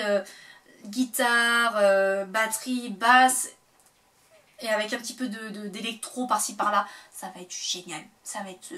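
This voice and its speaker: Chatty young-sounding woman, slightly distant mic. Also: fairly high pitch. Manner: chatty, lots of fillers, excitable outbursts. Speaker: vlogger. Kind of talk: casual chat to camera.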